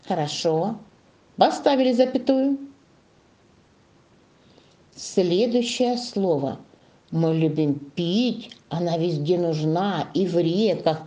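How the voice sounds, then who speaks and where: A woman leads a young class through a lesson, her pitch swinging up and down as she coaxes answers from the pupils. Her voice is mellow and soft-edged, and she stretches out key words slowly while dictating. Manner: slow, drawn-out dictation to young children; coaxing, sing-song questioning. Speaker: primary school teacher.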